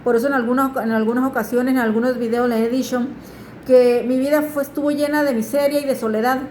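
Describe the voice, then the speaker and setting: A woman's voice: sits high, steady tone, fast, darkish tone, slight background noise. A woman, giving an earnest personal religious testimony and urging listeners to turn to God. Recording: echoey room.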